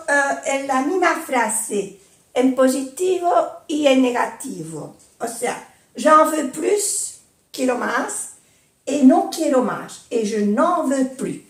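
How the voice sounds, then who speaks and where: An older woman teaches a language lesson, speaking very slowly and repeating each example phrase with patient care. Her voice sits a little high. The sound is roomy and echoey, with her voice set back from the mic. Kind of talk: slow explanatory lesson. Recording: echoey room, voice from a distance.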